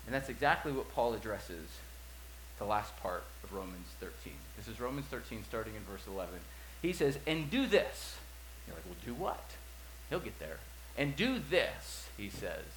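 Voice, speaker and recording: A man in his forties preaching a sermon, telling a story with acted-out quotes and swings from loud to hushed. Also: on the low side, very animated, moderate pace. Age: 40s. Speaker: pastor. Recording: echoey room with faint hum.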